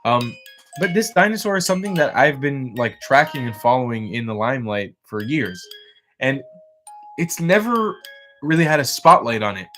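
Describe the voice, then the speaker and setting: A man's voice: mid-range voice, lively intonation, normal speed, a bit bright, soft background music. A man hosting a casual livestream, chatty and rambling with lots of fillers, tired and yawning. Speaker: livestream host.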